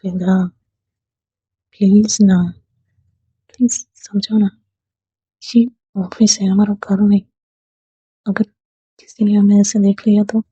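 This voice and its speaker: A shy, gentle young woman in love, as a storyteller voices her, speaking softly and pleading in a husky, mellow tone. She talks slowly and unhurriedly. The recording sounds dry and a little muffled. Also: medium pitch, flat delivery, no room sound. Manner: soft, pleading. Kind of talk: storybook dialogue read aloud.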